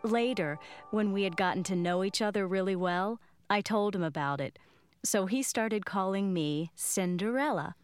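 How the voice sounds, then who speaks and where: Actress as a chatty young bride, mid-pitched, dry studio sound. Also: female voice, normal speed, clean tone, no echo, soft background music, lightly acted. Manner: chatty storytelling. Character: happy young bride recalling her wedding. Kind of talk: scripted monologue for a language lesson.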